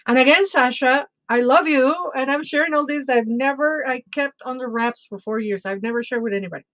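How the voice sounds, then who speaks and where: A woman telling a personal story as a podcast guest in an expressive, conversational way, often checking in with the listener. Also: high voice, brisk, low-quality recording.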